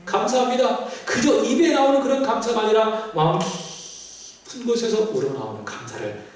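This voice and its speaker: A man preaching in a church, his voice pitched high and swinging widely as he questions the congregation. The sound is heavily echoey, with the hall ringing around him. He stands some distance from the microphone. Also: huge pitch swings, normal speed. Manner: emphatic preaching with call-and-response questions. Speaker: pastor. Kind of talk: sermon. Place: church sanctuary.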